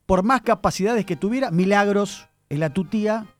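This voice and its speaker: A man's voice: high-pitched, normal speed, soft background music. A man presenting a chatty radio segment on word origins, addressing his listeners as he tells the story. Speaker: radio columnist. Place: radio studio.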